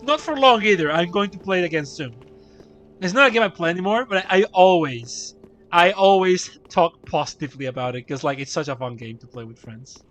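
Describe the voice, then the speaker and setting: A young gaming streamer with a high, fairly bright voice chats casually while playing, animated and fairly quick, telling rambling stories with laughter and frequent swearing.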